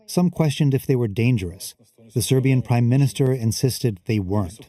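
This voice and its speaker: A male reporter reads scripted documentary narration in a mid-range voice at a moderate pace. Background music plays beneath his voice.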